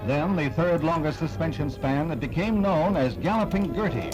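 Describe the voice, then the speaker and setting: Male old-newsreel narrator, high-pitched and sweeping, declaims over loud brassy music. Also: expressive, normal speed, poor audio. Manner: dramatic, declaiming announcer delivery. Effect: old newsreel soundtrack played back.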